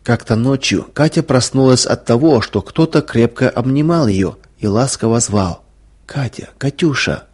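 Male narrator, husky, calm and earnest, mid-pitched storybook reading. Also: moderate pace, few pauses.

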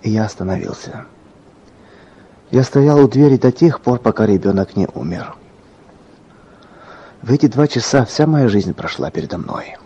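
Man, story narration, earnest and dramatic, lively intonation, warm tone, muffled lo-fi sound. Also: fairly low pitch, normal speed, pauses often, slightly rough. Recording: dull lo-fi recording.

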